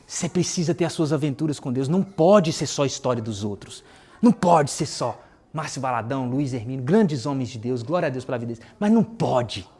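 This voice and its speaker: Fast-talking man preaching with lively stories. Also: medium pitch, husky. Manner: lively storytelling that acts out remembered dialogue in casual slang. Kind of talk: sermon with personal testimony.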